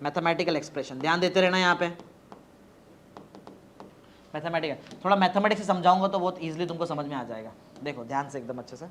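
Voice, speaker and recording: A male teacher giving a classroom physics lecture with an Indian accent from the Marathi-speaking region, coaxing students to repeat definitions aloud in drawn-out chants. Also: fairly high pitch, fairly bright tone, a little hiss or hum. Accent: Indian, Marathi-region Hindi.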